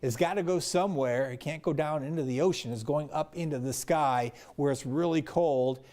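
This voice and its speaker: A man's voice: fairly high pitch, moderate pace, a little mellow. A man presenting live weather commentary, explaining things step by step in an unscripted way.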